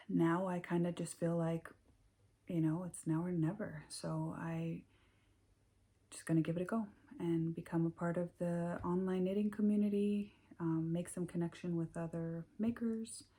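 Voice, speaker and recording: Chatting casually to camera as a knitting podcast host, this Icelandic woman speaks American English in a lowish voice. She's soft-spoken and hesitant, often using ums and starting over.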